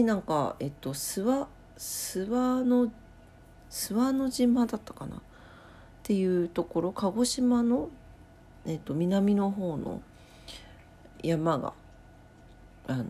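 A woman hosting her own late-night talk show from home, rambling and thinking aloud with many pauses. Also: mid-range voice, mellow. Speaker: podcast host. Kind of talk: casual late-night solo chat.

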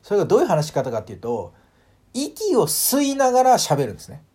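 Guy talking solo on his own show, chatty and lively, voice swings up and down a lot, lots of um and like. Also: high-pitched, quick pace, husky. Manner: animated, demonstrates sounds, frequent fillers. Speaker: podcast host. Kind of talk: casual solo talk.

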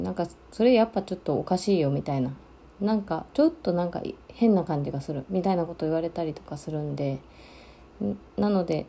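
A woman from Okinawa hosting a solo podcast, chatting casually with many fillers and pauses. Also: fairly low pitch, gravelly, dark tone. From Okinawa, Japan. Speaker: podcast host.

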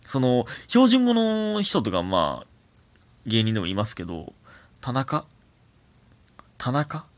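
A young man with a Kansai accent, hosting a solo talk show, chatting casually and reading listener mail in a rambling, animated way. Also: fairly low pitch, unhurried. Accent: Kansai Japanese. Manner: chatty, animated, rambling musings with laughs and self-corrections. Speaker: podcast host.

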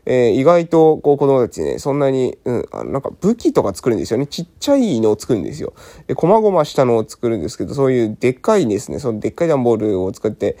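A man hosts a solo morning talk in a hoarse, gravelly voice, rough from just having woken up. His tone is dark and mellow, with pitch that rises and falls a lot. He speaks politely and fills his pauses with drawn-out hesitations. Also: very animated. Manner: polite, many fillers. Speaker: podcast host.

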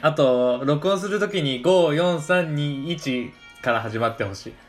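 A woman's voice: low voice, measured pace, soft background music. A woman co-hosts a comedy podcast as the student, her intonation swinging widely up and down. She laughs easily and talks in a loose, casual way. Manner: lively, laughs easily, casual rough wording. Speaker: podcast co-host playing student.

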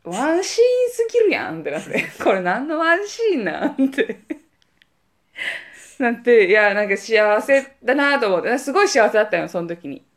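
明るい関西なまりの若い女性が、くだけた雑談の中で身振りたっぷりに旅先の思い出を語る。. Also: female voice, on the high side, moderate pace. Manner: animated, acts out quoted voices. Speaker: podcast co-host. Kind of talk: casual storytelling chat.

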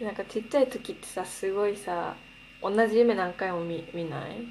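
A woman's voice: medium pitch, brisk, a little mellow, slight background noise, poor audio. A woman from Akita, Japan, hosting a casual chat in an easy, conversational way. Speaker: podcast host who teaches Akita dialect.

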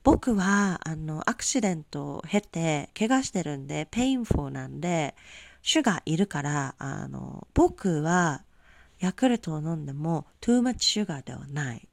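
Woman doing a self-justifying young man, earnest, lecturing, gravelly low voice, lively swings in pitch. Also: normal speed, no room sound, exaggerated voice.

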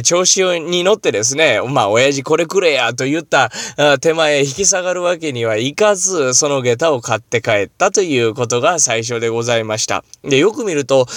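A man's voice: on the high side, no room sound, studio quality. A man from the Kansai region with a Kansai accent, hosting a solo talk show and telling a personal story in polite, formal phrasing dotted with casual dialect. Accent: Kansai Japanese. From Kansai region of Japan. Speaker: podcast host.

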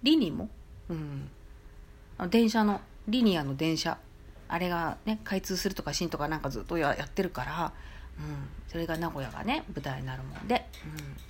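A woman with a Nagoya accent chats casually on her solo podcast, her pitch bouncing lively up and down. She drops in frequent soft fillers and sounds amused. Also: moderate pace, a little hiss or hum. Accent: Nagoya dialect. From Nagoya, Japan. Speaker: podcast host.

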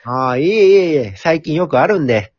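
A man acts out a jolly, earnest Santa in a comedy radio drama. The voice sits high and moves around a lot, theatrical yet polite. The recording is slightly dull and very dry. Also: animated, fairly quick, darkish tone, slightly rough, no room sound. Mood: earnest, gentle.

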